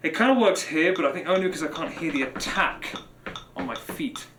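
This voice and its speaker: A drum teacher with a slightly high, expressive voice talks fairly quickly and casually on a live stream while practicing in a room with a drum kit. He muses aloud and chants counts and drum syllables. The roomy, very noisy stream is full of loud clattering percussion.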